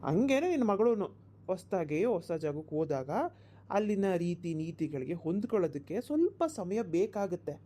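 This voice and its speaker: A woman voices a grown village son in a cartoon who talks his worried mother down. He explains patiently and reassuringly, in a mellow, dark tone. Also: fairly low pitch, sing-song, moderate pace. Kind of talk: cartoon voice acting.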